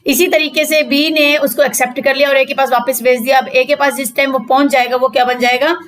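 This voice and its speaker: Woman law tutor, high-pitched, patient step-by-step explainer who quizzes her class. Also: flat delivery, brisk, fairly bright tone. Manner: explains step by step, repeats questions and answers to students. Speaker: law teacher. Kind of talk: spoken lecture reading out legal text.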